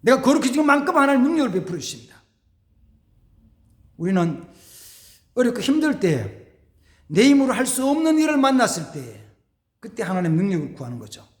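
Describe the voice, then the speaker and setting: A man's voice: very high-pitched, very animated, a little fast, long pauses, roomy sound. A male pastor delivering a dramatic sermon, acting out the voices of biblical figures as he preaches.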